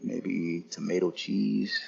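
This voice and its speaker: Low gravelly man touring a lounge. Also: little pitch movement, lo-fi sound. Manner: casual, unhurried, talking to chat viewers. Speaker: travel vlogger. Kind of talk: live-streamed lounge walkthrough. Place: airport lounge.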